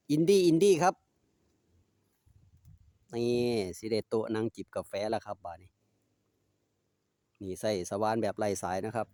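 A man's voice: mid-range voice, a little mellow, no echo. A man with an Isan accent, chatting casually and politely while doing DIY work in his yard. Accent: Isan (Northeastern Thai). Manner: easygoing, chatty, polite particles, talks to his dogs. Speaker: DIY vlogger. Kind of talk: casual narration while working outdoors. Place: outdoor home yard.

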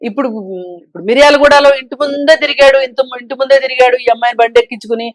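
A woman guest on a talk show, giving her opinions forcefully and pressing her point with rhetorical questions. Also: high voice, steady tone, very fast, dry recording. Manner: emphatic, argues with rhetorical questions. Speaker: social commentator guest.

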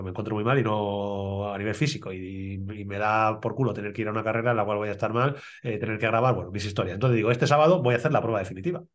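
A man with a Spain Spanish accent hosting a cycling podcast in casual chat, laughing often and swearing freely. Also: mid-range voice. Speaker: podcast host.

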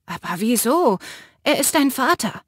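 A woman voicing a gentle, timid young man who speaks softly and earnestly in an audiobook. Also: very high voice, very animated, measured pace, no echo, studio quality, heavily acted. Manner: soft, eager, earnest.

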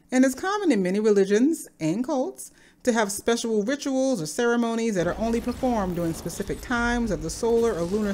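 A woman narrates an explainer at a middle pitch. She speaks in a measured, speculative way, laying out ideas as a video creator would in a scripted commentary. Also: darkish tone, slight background noise.

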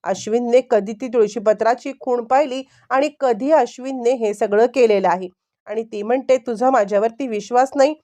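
A woman's voice: on the high side, normal speed, mellow. A woman retelling a television serial episode as a story and reading its dialogue aloud. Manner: retells the scenes, often lifting her voice for quoted lines. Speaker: narrator recapping a TV serial episode.

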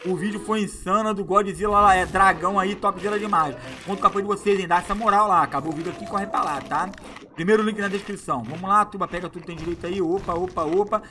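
A man doing excitable, slangy live gameplay commentary as a gaming YouTuber, hyping up his viewers. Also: high-pitched, fast.

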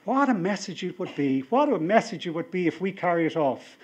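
Speaking into a podium microphone in a large indoor hall, this middle-aged Irishman addresses a seated convention audience as party leader. His high-pitched, darkish, breathy voice is very animated and brisk as his stirring speech mounts to emphatic appeals, and the recording's highs are cut off.

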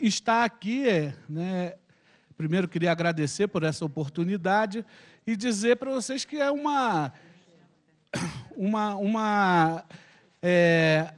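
A man in his fifties, a public health professor, introducing himself at a meeting with a handheld microphone, halting and restarting his words. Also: high voice, darkish tone. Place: large meeting room.

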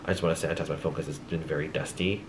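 At night in a small room at home, a young vlogger talks to his camera in a chatty, rambling way with light laughs and lots of ums, sounding congested and tired. His voice is extremely low and creaky, fairly even in intonation, and very fast, with a little hiss or hum.

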